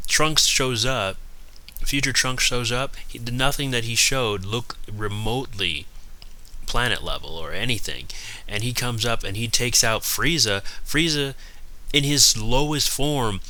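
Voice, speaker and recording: A man giving casual, unscripted commentary, rambling and haltingly backtracking, with slightly numb-mouthed articulation. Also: lowish voice, bright, forceful tone, low-quality recording. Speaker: YouTube video host.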